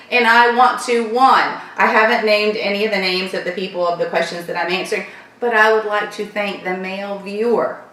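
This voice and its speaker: Answering viewer questions on her channel, a chatty woman from Florida speaks with a light Southern accent and a medium pitch, thanking people again and again. Her answers ramble warmly in loose sentences. She's recorded in an echoey room, sitting a bit off-mic and far away.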